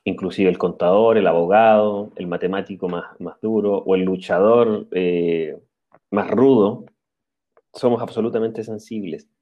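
A man giving a calm, reflective spiritual talk, often checking in with a questioning "ya" and pausing on "eh". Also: lowish voice. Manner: calm, explanatory, pauses with "eh". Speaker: spiritual speaker. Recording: dull lo-fi recording.

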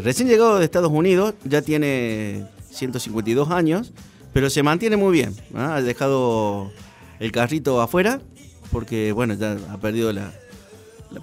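An Argentine man hosting a comic mock interview on radio, hesitant and teasing as he questions his guest. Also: medium pitch. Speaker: radio host.

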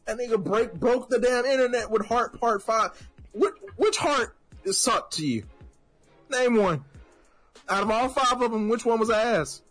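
A man's voice: extremely high pitch, a little slow, fairly bright tone, dry recording, faint music behind. A young man co-hosting a casual podcast, ranting bluntly and repeating his points for emphasis. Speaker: podcast co-host. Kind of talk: casual opinionated chat.

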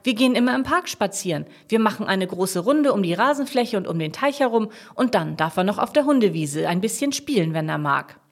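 A woman's voice: medium pitch, lively intonation, a little fast, hardly any pauses, voice pushed up. A woman voicing a flustered, worried older woman in a children's story, breathless and fretful.

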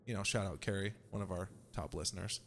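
A man's voice: low voice, quick pace, fairly bright tone, a little hiss or hum. A young man hosting a podcast in a casual, joking way, swearing and laughing often. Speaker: podcast host.

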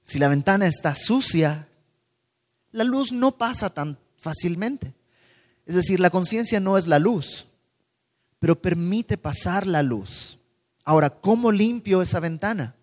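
A man preaching a sermon in a calm teaching tone, posing rhetorical questions to his listeners. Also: high-pitched, unhurried. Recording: long hall reverb.

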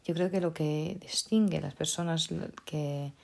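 A woman's voice: deep voice, measured pace, vocal fry, darkish tone. A woman giving an unscripted motivational talk, speaking hesitantly with many restarts and checking in with tag questions.

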